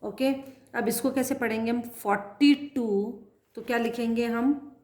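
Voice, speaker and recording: Lady maths teacher, slow patient counting, echoey classroom sound. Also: fairly high pitch, fairly even intonation, a little mellow. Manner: slow and patient, counting aloud and asking pupils questions. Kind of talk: classroom math lesson, writing as she explains.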